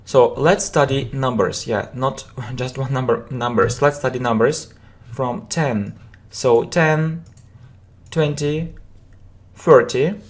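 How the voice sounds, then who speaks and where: An English teacher with a mid-range voice moves slowly through a drilling language lesson. Each example phrase is repeated and often split into separate words so the learner can follow.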